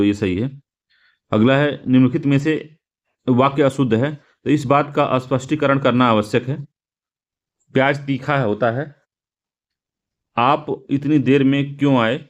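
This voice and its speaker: Hindi tutor drilling spelling answers, muffled audio. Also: male voice, medium pitch. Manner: repetitive, drilling correct forms aloud, asking rhetorical questions. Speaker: exam coaching teacher. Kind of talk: explaining Hindi spelling and grammar quiz answers.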